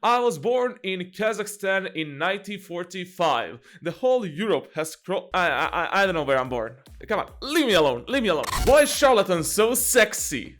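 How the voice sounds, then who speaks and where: High-voiced joking young man. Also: very animated, moderate pace, few pauses, fairly bright tone. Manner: jokey, laughs often, many fillers and restarts. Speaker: channel host and game coach. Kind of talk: casual Q&A vlog.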